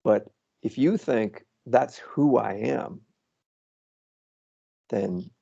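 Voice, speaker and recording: A man guiding someone through self-inquiry on a video call, speaking calmly and patiently and thinking aloud. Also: mid-range voice, very slow, gravelly, breathy edge. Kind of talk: slow reflective coaching on a video call. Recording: muffled lo-fi video call audio.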